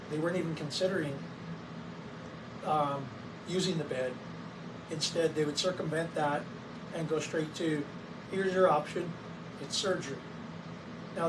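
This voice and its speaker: Casual and instructive, a clinic owner whose voice is still hoarse from a cold shows off his wellness clinic's equipment to camera. His pitch sits a bit high, and fillers and occasional coughs between sentences keep stopping him. He's heard from afar, with a steady hum of noise.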